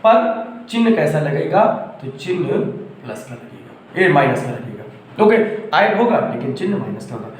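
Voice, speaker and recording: A man teaching a school math lesson, speaking fondly to the children and acting out their replies. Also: high voice. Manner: affectionate, playacts students' replies. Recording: very echoey room, faint background noise.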